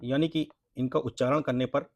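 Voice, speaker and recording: A man teaching an exam-prep language lesson, sounding out syllables slowly and asking and answering his own questions. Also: medium pitch, steady tone, a little mellow, no echo. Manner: repeats points, asks and answers own questions, says "friends" often; spells out syllables slowly for practice.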